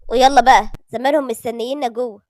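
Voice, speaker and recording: A woman with an Egyptian accent voicing a calm young husband who speaks softly and soothingly. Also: fast, dry recording, close to an everyday voice. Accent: Egyptian Arabic. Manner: soft, low, soothing.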